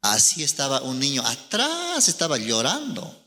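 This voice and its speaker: A man with a Bolivian Spanish accent preaching a sermon as pastor, telling a story with dramatic, drawn-out emphasis. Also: medium pitch, huge pitch swings, sharp tone, big-room sound.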